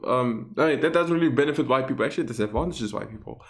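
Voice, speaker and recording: A man's voice: medium pitch, expressive, rapid-fire. A man hosting his own vlog, giving casual, sarcastic opinion commentary straight to his viewers. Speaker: vlog host.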